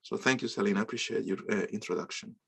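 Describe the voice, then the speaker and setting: A course instructor runs an online business class over video, responding to students during introductions while often stumbling and repeating words. He talks fast in a fairly low voice that is gravelly, husky, and slightly bright.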